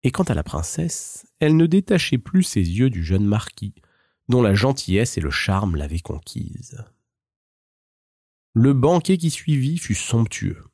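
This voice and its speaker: A man narrating a fairy tale in a measured, expressive storybook style. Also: medium pitch, no echo, clean studio sound.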